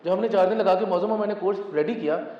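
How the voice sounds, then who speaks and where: A man's voice: sits high, very fast. A man in his twenties, a football club founder and coach, talking emphatically in a casual interview and mixing in English phrases. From Pakistan. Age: 20s. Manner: emphatic, mixes English phrases, frequent "thik hai". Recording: echoey, distant, muffled, faint hum.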